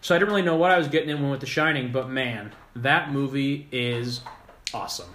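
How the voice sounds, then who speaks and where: A man's voice: medium pitch, fairly quick, a bit bright, slight background noise. A man co-hosting a casual podcast, talking in an enthusiastic, rambling, jokey way. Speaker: podcast co-host. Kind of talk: casual chat. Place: apartment room. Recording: echoey room.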